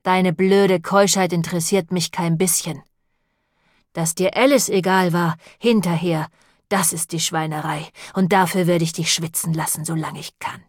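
In an audiobook, a grim butcher speaks in a level, matter-of-fact way with a cold edge, as a woman reader voices him. The voice sits fairly low and the read is close and dry. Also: fairly even intonation, normal speed, no echo, close to an everyday voice. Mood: quietly menacing. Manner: level and matter-of-fact, turning quiet and menacing.

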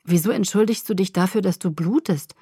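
Read by a woman, a worried young man speaks haltingly and with care in this audiobook scene. His voice is low-key and anxious. It sits in a dry, close recording with no room sound. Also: mellow, slightly rough, dry recording. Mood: concerned. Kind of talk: audiobook character voice.

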